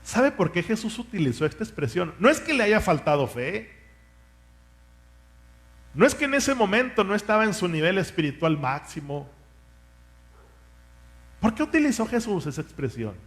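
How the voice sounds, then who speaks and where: A man's voice: sits high, very animated, moderate pace, pauses often, fairly bright tone. A man, a pastor, preaching a sermon with fervent rhetorical questions and asking his congregation to repeat words after him.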